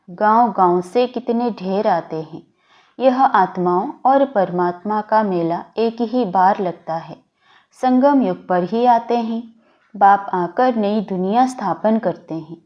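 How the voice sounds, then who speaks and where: A woman reads a spiritual discourse aloud in a measured, deliberate recitation. She speaks very slowly and evenly, at a middle pitch. The recording is dull and lo-fi. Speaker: reader of a daily spiritual discourse.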